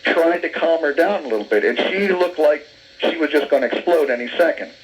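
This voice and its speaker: A man's voice: a little high, lively intonation, a little fast, a little hiss or hum, poor audio. A man calling in to a radio show over the phone, giving a casual eyewitness account step by step with frequent fillers. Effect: heard over the phone. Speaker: radio call-in caller.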